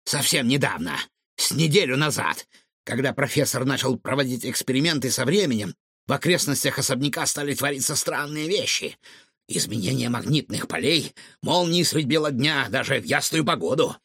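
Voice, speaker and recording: A man voicing an excitable bearded male cook who blurts out indignant outbursts. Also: mid-range voice, normal speed, breathy edge, dry recording, clean studio sound, exaggerated voice. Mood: explaining.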